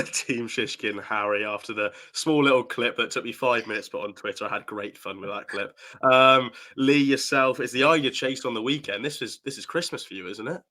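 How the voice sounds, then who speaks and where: A man's voice: mid-range voice, normal speed, few pauses, bright, forceful tone. Upbeat man hosting a racing chat. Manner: upbeat, teasing presenter. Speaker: host of a horse racing tips show. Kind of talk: casual racing preview chat.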